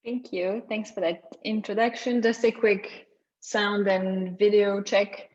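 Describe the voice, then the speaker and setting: A woman's voice: medium pitch, flat delivery, takes it slowly. A young woman from Lithuania giving a conversational talk at an online meetup, often restarting her sentences. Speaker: guest speaker. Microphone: video call. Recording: slightly dull video call audio.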